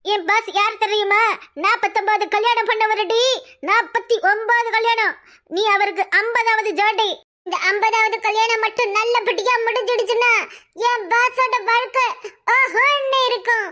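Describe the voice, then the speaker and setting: A shrill, very high cartoon villainess who drags out her taunts, as a woman puts her on. She sounds smug and bossy, with a southern Tamil Nadu accent. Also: fairly even intonation, pushed and bright. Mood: taunting. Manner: slow, mocking, bossy. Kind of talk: cartoon voice acting.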